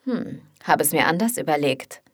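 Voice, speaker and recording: A woman voicing a grumpy, spoiled young roommate in an audiobook, speaking gruffly and indignantly. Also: deep voice, lively intonation, moderate pace, no room sound, clean studio sound. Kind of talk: audiobook character voice.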